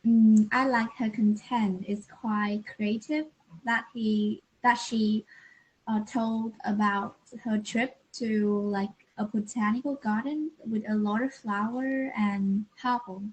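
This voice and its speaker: A woman's voice: mid-range voice, fairly even intonation, takes it slowly, breathy edge, rough recording. A young adult woman student, speaking hesitantly in English practice. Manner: hesitant, careful.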